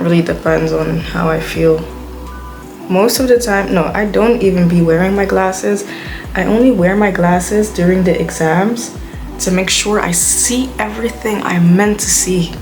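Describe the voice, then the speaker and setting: Speaking a bit slowly in a lowish, steady voice, a young vlogger from Belgium, a native Dutch speaker, rambles through a casual rant. She chats on and on, leaning heavily on "like," with music underneath.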